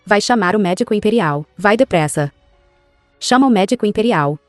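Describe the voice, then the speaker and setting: Uma atriz de dublagem com sotaque português europeu dando voz a uma mãe nobre e feroz, acusadora e suplicante. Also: female voice, medium pitch, expressive, moderate pace, dry recording, soft background music, close to an everyday voice. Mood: anguished. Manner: accusing, then desperate pleading. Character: grieving mother, noble general's wife, fierce. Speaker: dubbing actress.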